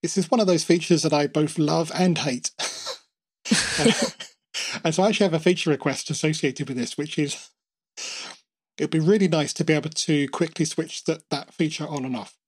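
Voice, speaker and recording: A man's voice: on the high side, moderate pace, pauses often, slightly rough. A man hosting a casual podcast chat, talking in a chatty way with light humor. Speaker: podcast host.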